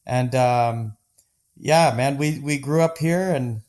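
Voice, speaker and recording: A man's voice: medium pitch, takes it slowly, darkish tone. Man from Denver, podcast guest, enthusiastic, rambling, casual chat. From Denver, Colorado. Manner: enthusiastic, rambling with many restarts. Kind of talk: casual conversation.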